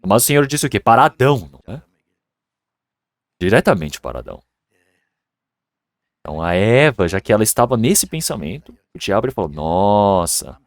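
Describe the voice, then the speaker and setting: A male pastor preaching in a church with an animated, storytelling delivery. His pitch swings widely and the sound is close and dry. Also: a little fast, long pauses, no echo. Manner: animated storytelling with acted voices. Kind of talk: sermon.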